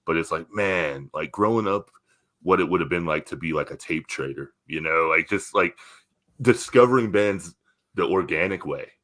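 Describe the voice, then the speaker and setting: A man in his thirties hosts a relaxed podcast chat, easygoing and full of fillers, swearing now and then. His voice sits low and deep. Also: normal speed. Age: 30s. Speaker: podcast host, musician.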